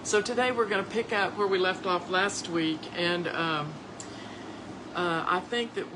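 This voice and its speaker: Hosting a casual livestream chat, a hoarse woman talks warmly and easily, treating her audience like family. Her voice is on the low side and a little slow, loose and conversational with folksy asides. A clear layer of hiss runs beneath the audio.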